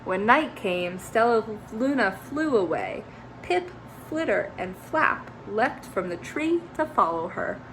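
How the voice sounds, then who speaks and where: A woman teacher reading a children's storybook aloud with expressive, gentle storytelling. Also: mid-range voice, slow, slight background noise, rough recording.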